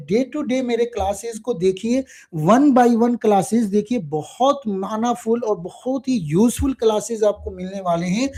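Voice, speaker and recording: A man teaching a live online lesson, spelling words letter by letter and drilling phrases slowly. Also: sits high, mellow. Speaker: English teacher.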